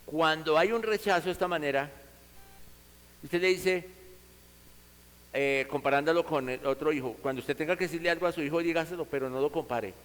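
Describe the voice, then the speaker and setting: A man's voice: fairly high pitch, a little fast, long pauses, fairly bright tone, in a large hall, poor audio. A man preaching a sermon to his congregation, speaking earnestly and conversationally, acting out vivid quoted examples.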